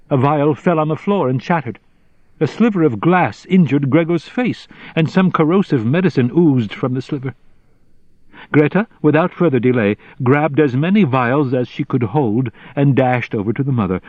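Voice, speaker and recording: Male audiobook narrator, deliberate and measured, dry close sound. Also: medium pitch, animated, a little mellow, dry recording, highs cut off. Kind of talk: scripted literary narration.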